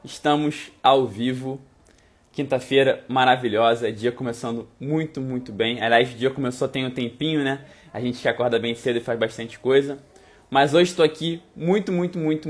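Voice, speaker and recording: An upbeat Brazilian man hosts a casual live-stream conversation over a video call. His voice sits at an ordinary middle pitch, and he talks with lively enthusiasm, welcoming his guest. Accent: Brazilian Portuguese. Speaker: host.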